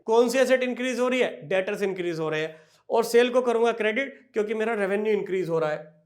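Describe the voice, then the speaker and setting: His voice sits high as he teaches accounting lecture-style in a classroom. Fond of his students, he asks and answers his own questions, and his dictation of entries turns slow and drawn out.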